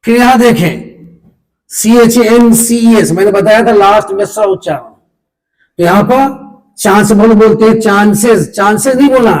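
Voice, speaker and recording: A man teaching an English pronunciation lesson to pupils, slowly repeating and spelling out sounds. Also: sits high, a little mellow, low-quality recording.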